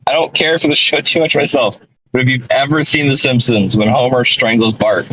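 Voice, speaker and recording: On a casual podcast, a man co-hosts via phone call while driving, his medium-pitched, slightly bright voice fairly quick and evenly intoned. He wanders off track, fixes his own words, and chuckles a lot; the call audio is dull and lo-fi.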